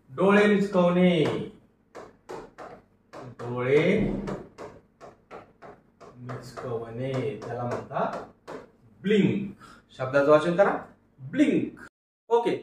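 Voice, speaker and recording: A man's voice: fairly high pitch, a little hiss or hum. Phonics teacher, male, stretches syllables and repeats words; roomy, slightly distant sound. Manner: slow, drawn-out syllable-by-syllable sounding out, repeats each word. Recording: echoey room, voice a bit far from mic.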